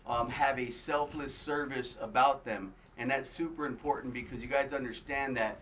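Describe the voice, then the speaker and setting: A man's voice: mid-range voice, fairly even intonation, normal speed, fairly bright tone. Upbeat man hosting a podcast. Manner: upbeat, loose, filler-heavy. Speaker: podcast host. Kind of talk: casual podcast interview. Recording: faint background noise.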